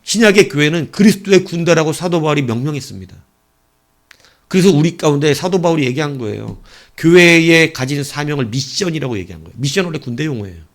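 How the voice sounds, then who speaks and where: A man preaching an evening sermon as pastor, telling a personal story with sudden swings between loud and hushed delivery. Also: on the high side, animated, fast. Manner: acts out voices of people in his story.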